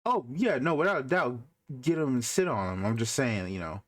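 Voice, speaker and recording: A man's voice: mid-range voice, lively intonation, moderate pace. A man co-hosting a casual podcast chat, teasing and incredulous as he talks. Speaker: podcast co-host.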